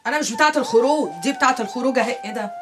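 A woman's voice: a little high, racing, over music, close to an everyday voice. An actress playing a brash streetwise woman. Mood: scolding. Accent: Egyptian. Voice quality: brash, scolding.

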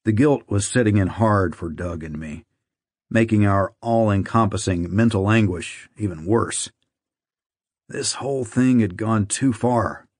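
A man narrating an audiobook in a measured, somber reading. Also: on the low side, no room sound, studio quality. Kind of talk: scripted narration.

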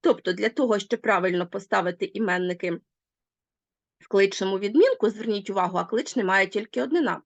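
A woman's voice: mid-range voice, a little fast, vocal fry, dry recording. A woman teacher explaining grammar in a lesson, speaking emphatically.

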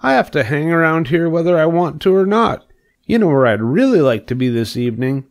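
A man's voice: on the high side, animated, fairly quick, voice pushed up. A man voicing an earnest, anxious young male pig in a storybook reading, pleading and eager. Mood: wistful.

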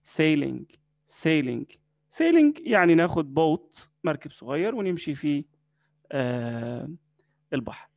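A man with an Egyptian Arabic accent teaching an English vocabulary lesson, saying each word slowly and repeating it several times. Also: fairly high pitch, sing-song, vocal fry, no room sound.

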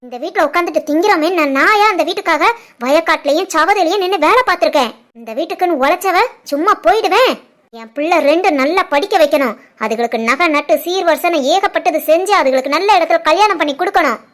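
A woman doing a very high, bitter village sister-in-law. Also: animated, fast talker. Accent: southern Tamil Nadu village dialect. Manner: complaining, insistent and bitter. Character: sharp-tongued scheming young village woman, sister-in-law. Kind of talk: animated family drama voice acting.

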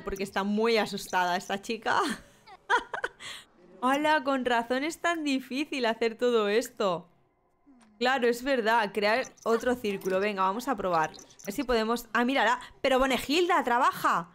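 A woman's voice: fairly high pitch, fairly bright tone. A young woman with a Spain Spanish accent, chatting and laughing through a live game stream. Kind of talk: live gameplay commentary.

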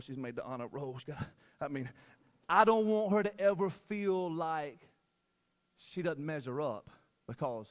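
A male preacher delivers a sermon in a church service, speaking into a handheld mic. His voice sits high for a man. He jokes with the congregation and repeats his phrases with lots of energy. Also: in a large hall. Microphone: handheld microphone.

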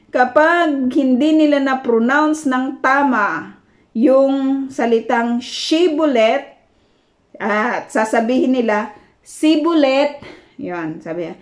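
A woman from the Philippines giving a conversational Bible study talk, full of fillers and tag questions and mixing in English words. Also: a little high. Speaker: Bible teacher.

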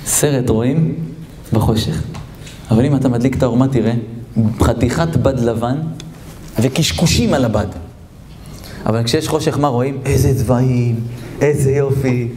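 A man giving a lively Torah lesson as a rabbi, telling stories, chuckling as he talks and slowing down to stress the texts he quotes. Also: slight background noise. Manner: animated, jumps into character voices and high exclamations; chuckles while talking. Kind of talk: lively sermon with storytelling.

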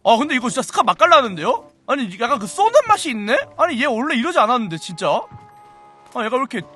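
A young man with a high, bright voice gives playful, excitable commentary while streaming a shooter game. His pitch swings widely as he exclaims and imitates gunfire with his mouth, and faint music plays underneath. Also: fast. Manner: playful, mimics gunfire sounds, frequent exclamations.

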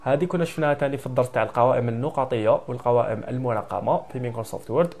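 A man with an Algerian Arabic accent giving a software tutorial, briskly mixing French computer terms into his speech. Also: medium pitch, vocal fry. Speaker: software instructor. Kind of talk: screen-recorded tutorial.

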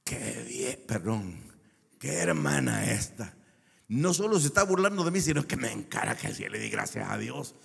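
A man's voice: mid-range voice, very animated, normal speed, vocal fry, slightly rough, in a large hall. A man preaching a sermon as a pastor, stretching key words for emphasis and telling a personal story. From El Salvador.

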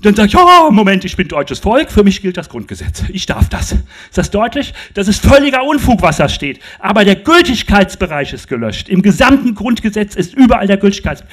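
A man's voice: sits high, very animated, fairly quick, a bit bright. An older man giving an emphatic public talk on a festival tent stage with a handheld mic, often asking the audience rhetorical questions. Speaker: lecturer.

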